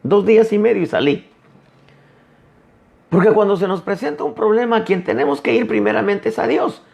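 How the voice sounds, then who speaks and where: A man preaching a sermon as an apostle, emphatic with dramatic pauses. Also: high-pitched, vocal fry, highs cut off.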